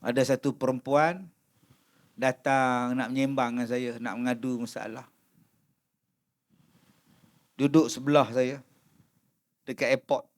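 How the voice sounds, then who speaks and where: A man's voice: medium pitch, fairly even intonation, measured pace, pauses often. A man with a Malaysian Malay accent giving a humorous religious lecture, mimicking people in comic asides. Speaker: preacher.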